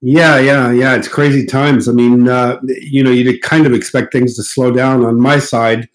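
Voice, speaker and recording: A man in his sixties from Morocco with a mid-American-sounding accent, a guest in a casual interview at his countryside home, talking in a relaxed, hesitant way with many fillers. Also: mid-range voice, measured pace, low-quality recording. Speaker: guest car designer.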